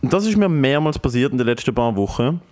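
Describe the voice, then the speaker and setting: A young man with a Swiss German accent, co-hosting a podcast in casual, teasing banter, animated and given to exaggeration. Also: mid-range voice, quick pace. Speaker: podcast co-host.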